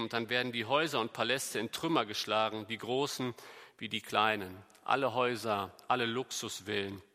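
A middle-aged man preaching a sermon, reading scripture aloud and moving between loud emphasis and quiet asides. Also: medium pitch. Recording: long hall reverb.

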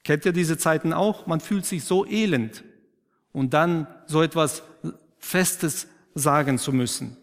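This preacher's voice runs a touch high, and the hall around him reverberates. He draws the congregation in with questions, affirms what they say back, and lowers to a slow, quiet emphasis for his key points.

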